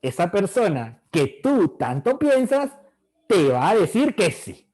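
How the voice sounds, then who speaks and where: A man's voice: high-pitched, big pitch swings, slow, a little mellow, slightly rough. A middle-aged man teaching an online class, asking the students questions and acting out their voices.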